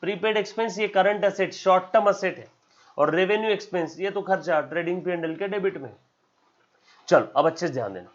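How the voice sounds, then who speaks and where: A man's voice: high-pitched, a little fast, dull audio. A man with an Indian accent teaching accounts in a classroom-style lecture, repeating key terms and often asking "yes or no?". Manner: calls students "beta", acts out their questions.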